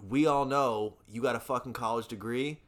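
Man, casual podcast chat, profane, heated rant, repeats words, middle pitch. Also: fairly even intonation, normal speed, a bit bright. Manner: repeats words when restarting sentences.

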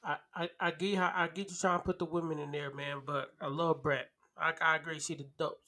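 A man in his thirties with a fairly high voice talks casually as a podcast co-host. He pushes back bluntly with opinionated ribbing. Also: fairly even intonation, fairly quick, pushed and bright. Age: 30s. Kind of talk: casual opinionated debate chat.

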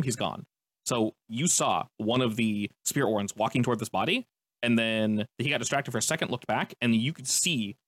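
A man's voice: mid-range voice, fairly bright tone, no echo. A man working as a game master, improvising descriptive narration and explaining the rules in a conversational way.

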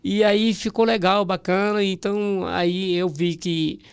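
A Brazilian comedian with a high, gravelly voice tells stories in an interview. He speaks in a Brazilian Portuguese accent and acts out the people in his stories, with an animated delivery. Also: a little slow. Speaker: comedian guest. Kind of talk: storytelling anecdote in a podcast interview.

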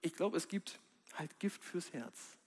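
A man giving a sermon in a casual, direct way, with slang and slow, quiet stresses. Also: on the high side, lively intonation, husky. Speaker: preacher.

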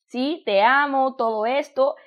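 A woman's voice: high voice, a little slow, muffled recording. A woman with a Mexican accent giving a motivational self-love talk, affectionate and conversational, often repeating and restarting phrases. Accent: Mexican Spanish. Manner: warm, affectionate, addresses listener as "hermosa".

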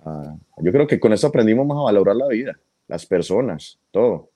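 A man with a Colombian paisa accent chats as a guest on an interview show. His voice sits low and mellow, and the sound is dry and close. He laughs often and repeats his words as his thoughts catch up. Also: very animated, brisk, no room sound. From United States. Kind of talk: casual interview chat.

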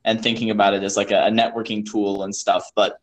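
A man hosts a screenwriting podcast, chatting casually and ramblingly with a guest, full of fillers and restarts. His voice is fairly low, his delivery flat and brisk.

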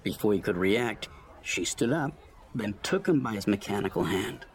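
Expressive male audiobook narrator. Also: on the low side, normal speed, a little hiss or hum. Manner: expressive, storytelling. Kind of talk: scripted narration.

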